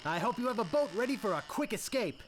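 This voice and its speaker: A man's voice: sits high, animated, fast talker, a little hiss or hum. A man voicing an earnest young would-be pirate hero in a video game, trading insults in a sword duel. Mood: taunting.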